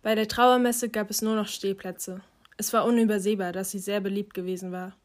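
Quiet, reflective woman narrating an audiobook. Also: mid-range voice, fairly even intonation, brisk. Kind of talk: first-person audiobook narration.

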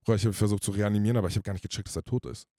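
A man telling his story as a podcast guest in casual, slangy speech, rushed and emotional. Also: on the low side, fairly even intonation, mellow, no room sound, studio quality. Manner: slangy, rushed and emotional, addresses the listener as "Bruder".

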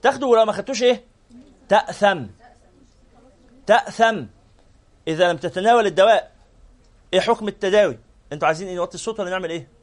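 Rapid-fire Egyptian sheikh teaching. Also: male voice, high voice. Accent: Egyptian Arabic. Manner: rhetorical questions, prompts the audience to answer; repeats phrases in lists. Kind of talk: religious lesson to a live audience.

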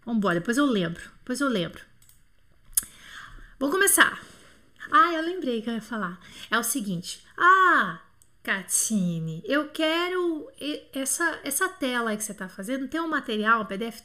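A Brazilian woman teaching French in a live online lesson, chatty with scattered asides, slowing right down to sound out example words. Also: on the high side, sharp tone. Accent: Brazilian Portuguese. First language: Portuguese. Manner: chatty, scatterbrained asides, drawn-out slow word demos.

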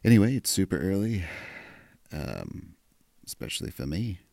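A man's voice: low voice, big pitch swings, moderate pace, gravelly, mellow, no room sound. A man, chatting casually and playfully to his audience in a sleepy, just-woken-up voice. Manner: playful, self-mocking. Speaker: vlogger. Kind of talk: casual direct-to-camera chat.

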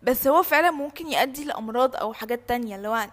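شابة مصرية اللهجة بتتكلم بسرعة. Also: female voice, fairly high pitch, animated, very fast, a bit bright. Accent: Egyptian. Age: young adult. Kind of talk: casual animated group chat.

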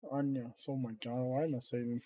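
A man's voice: medium pitch, flat delivery, brisk, dark tone, no room sound, muffled recording. A man co-hosting a podcast, chatting casually and correcting himself as he goes. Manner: rambling, self-correcting. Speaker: podcast co-host. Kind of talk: casual chat.

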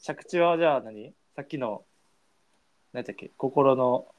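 A man's voice: a little slow, dull audio. A man with a Kansai accent co-hosting a casual podcast, playing an improvised word game and laughing often. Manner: playful, laughs often, animated pitch. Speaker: podcast co-host.

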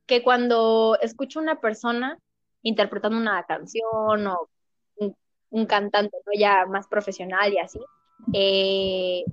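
A woman's voice: medium pitch, a little slow, dry recording. A young woman with a Mexican accent, chatting animatedly as a podcast guest about her singing and dubbing, acting out quotes as she talks. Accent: Mexican Spanish. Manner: animated and expressive, acts out quotes. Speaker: podcast guest, singer and dubber. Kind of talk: casual chat. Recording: dull lo-fi sound, faint music.

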